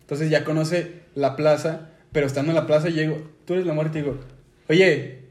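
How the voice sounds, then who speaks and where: A man's voice: fairly high pitch, steady tone, brisk, a little mellow. A young man with a Mexican Spanish accent, a podcast co-host telling anecdotes in slangy, joking casual chat. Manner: slangy, jokey, acts out quoted voices. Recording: echoey room.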